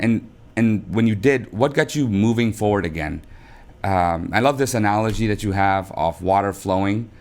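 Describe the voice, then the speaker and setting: Halting man asking rambling questions. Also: fairly low pitch. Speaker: host. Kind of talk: interview questions.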